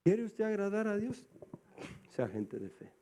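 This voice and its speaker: A male pastor preaching a sermon. He keeps calling his listeners "brother" and swings between quiet, low asides and loud, high exclamations. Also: big pitch swings, measured pace. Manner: calls the congregation "hermano" again and again.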